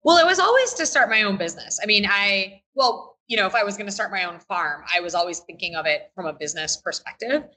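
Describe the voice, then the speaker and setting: A woman's voice: mid-range voice, lively intonation, fast, few pauses, sharp tone, poor audio. A woman guest on a podcast, explaining her urban farm in a thoughtful, easy way. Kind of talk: podcast interview.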